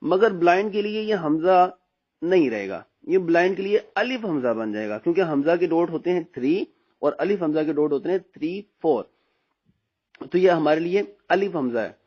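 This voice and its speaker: A man with a Pakistani Urdu accent teaching Quran reading in a recorded lesson. He patiently explains, often says "theek hai", and slowly draws out letter sounds when he recites them. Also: a little high, animated. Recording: dull lo-fi recording.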